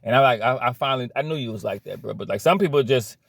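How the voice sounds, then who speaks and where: A man's voice: medium pitch, fast talker, gravelly, fairly bright tone, dry recording, studio quality. A man giving a blunt, slangy motivational rant about cutting problem people out of your life, repeating himself as he preaches. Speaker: motivational vlogger.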